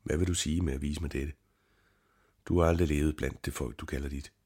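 A man voicing a proud, fiercely angry old priest in an audiobook reading, with a husky voice and scolding, pleading outbursts. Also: extremely low pitch, steady tone, darkish tone, full character voice. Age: older.

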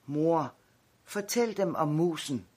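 A man voicing a lively young girl in a read-aloud story, eager and chattering, with a husky voice. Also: fairly high pitch.

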